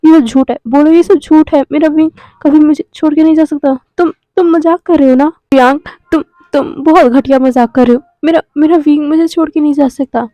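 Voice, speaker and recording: A woman's voice: high-pitched, steady tone, a little fast, few pauses, no room sound, dull audio, close to an everyday voice. A woman voicing a stammering grief-struck young husband. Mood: desperate. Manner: stammering, pleading, breaking into cries. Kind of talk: dramatic storytelling reading.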